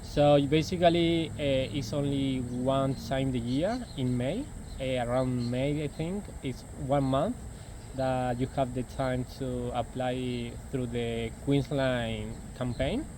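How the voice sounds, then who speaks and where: Speaking slowly in a mid-range voice, a young man from Argentina replies to interview questions in accented English, Spanish being his first language. He hesitates and frequently repeats himself, with background noise audible.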